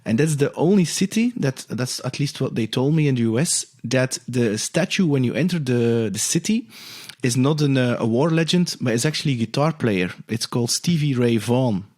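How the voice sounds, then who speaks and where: A man from Europe hosting a podcast interview in a casual, halting way with frequent restarts. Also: mid-range voice, animated, darkish tone. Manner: halting, restarts and hesitant phrasing. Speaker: podcast host.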